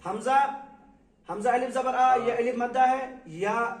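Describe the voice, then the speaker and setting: A man teaching a Quran reading lesson, reciting letters slowly and quizzing his students. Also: very high-pitched. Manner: questioning, drawn-out recitation of letters. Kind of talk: classroom lesson. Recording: echoey room, mic far off.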